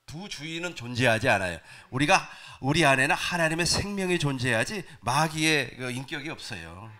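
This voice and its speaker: A male pastor preaching a sermon to his congregation, animated, asking them questions. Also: medium pitch, moderate pace. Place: church sanctuary.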